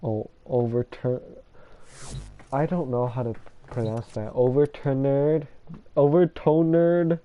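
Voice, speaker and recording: A man's voice: medium pitch, unhurried, pauses often, dull audio, a little hiss or hum. A man casually commenting over a video game, rambling and self-deprecating as he talks to viewers. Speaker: gamer showing his builds.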